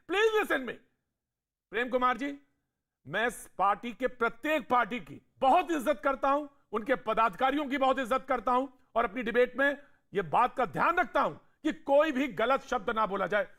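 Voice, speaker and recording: A male TV anchor moderates a heated panel with a firm, interrupting manner, slipping English phrases into his Hindi. His voice sits very high and rings bright and forceful. It is clean studio sound. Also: gravelly. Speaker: TV news debate anchor.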